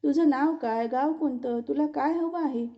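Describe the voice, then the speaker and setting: A woman's voice: high-pitched, moderate pace, lightly acted. A woman voicing a nervous young palace maid who talks in an anxious, questioning way. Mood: wary. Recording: dull lo-fi recording.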